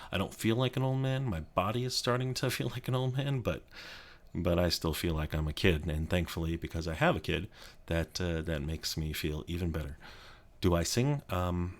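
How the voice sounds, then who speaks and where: A very low-pitched man in his thirties, from Colorado, chats softly for an ASMR video. He rambles and trips over restarts, keeping his voice down in his home office so as not to wake his kid. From Colorado, USA. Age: 30s. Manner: rambling, halting, many restarts and fillers; speaking quietly so as not to wake a child. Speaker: YouTube creator. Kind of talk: soft-spoken ASMR chat.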